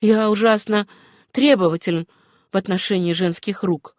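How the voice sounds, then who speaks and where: A woman's voice: mid-range voice, moderate pace, no room sound, clean studio sound, natural voice. A woman reading an audiobook voices an earnest, abashed young man in love, with a pleading manner.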